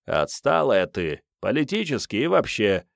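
A man's voice: fairly low pitch, very animated, a little slow, creaky, no room sound, clean studio sound, full character voice. A man voicing a grumbling, sardonic Soviet man in an audiobook. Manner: grumbling, mocking. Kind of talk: audiobook reading.

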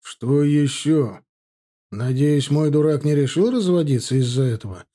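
A man's voice: fairly high pitch, expressive, a little fast, dark tone. A man playing a blunt, impatient older general who talks brusquely. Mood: gruff. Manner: brusque, exasperated.

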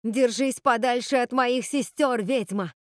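A woman's voice: measured pace, no echo, clean studio sound, close to an everyday voice. A woman reading aloud and voicing a young witch girl who fights to save her sisters, urgent and pleading. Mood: fierce. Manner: urgent, pleading, high-strung.

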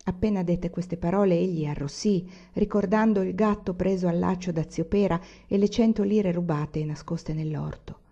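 Low, mellow woman reading a novel. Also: highs cut off. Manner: measured, expressive reading. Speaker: audiobook reader. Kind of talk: literary audiobook narration.

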